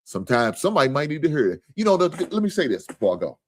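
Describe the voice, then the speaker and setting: A man's voice: mid-range voice, big pitch swings, rapid-fire, slight background noise. A man hosting a live sports stream in casual, profane talk, earnest and repetitive.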